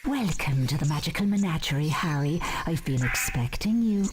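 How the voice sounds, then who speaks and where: A bossy magical pet shopkeeper, speaks in a slightly low female voice. She gives brisk, theatrical instructions as a video game character. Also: animated, noisy background. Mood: brisk, instructing.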